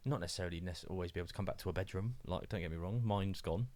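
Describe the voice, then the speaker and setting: A man's voice: sits low, very fast, darkish tone, dry recording. A man co-hosting a podcast, chatting casually in a rambling, joking way. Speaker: podcast co-host. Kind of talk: casual chat.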